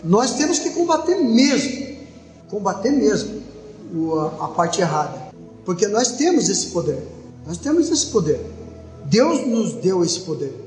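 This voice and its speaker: A man's voice: high voice, big pitch swings, measured pace, darkish tone. A man giving a fervent religious testimony on the radio, telling stories with quoted dialogue. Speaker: lay preacher giving testimony. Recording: echoey hall with faint music.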